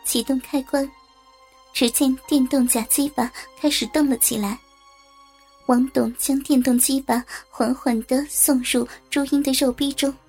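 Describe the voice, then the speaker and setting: A woman reading a story aloud as narrator, in a steady, even storytelling manner. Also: high voice, husky.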